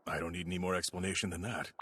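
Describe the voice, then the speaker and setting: A man voicing a calm king and father in an anime English dub, speaking in a measured, explanatory way. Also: deep voice, noisy background, close to an everyday voice.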